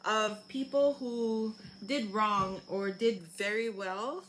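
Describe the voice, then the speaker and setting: Slow-talking woman with Hawaiian Pidgin accent. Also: mid-range voice, steady tone, fairly bright tone, a little hiss or hum, low-quality recording. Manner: halting, informal reading with re-readings. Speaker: host reading aloud. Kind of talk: Hawaiian Pidgin Bible story reading.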